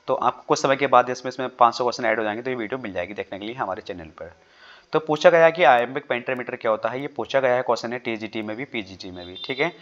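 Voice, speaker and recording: A man with a medium-pitched, fairly bright voice speaks fast through exam-prep questions on English literature for his YouTube channel, with the audio's high end cut off. Recording at a home desk over a screen with a drawing tablet, he walks through each answer step by step using worked examples and checks in with students often.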